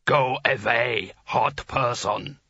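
A man voicing a huge, blunt male ice giant who rumbles slowly in broken grammar. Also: bright, forceful tone, breathy edge, no room sound, muffled recording, exaggerated voice. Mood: blunt, rumbling.

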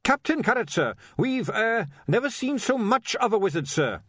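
Polite, sharp young watchman, pitched up, dry read, from a male narrator. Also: very animated, moderate pace, husky, no echo, full character voice. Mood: earnest. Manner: polite, earnest. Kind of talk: audiobook character voice.

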